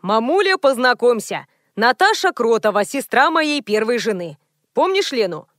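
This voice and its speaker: A woman's voice: on the high side, sing-song, moderate pace, fairly bright tone, no room sound, studio quality. A woman reading a flustered, pleading grown son. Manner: awkward, pleading.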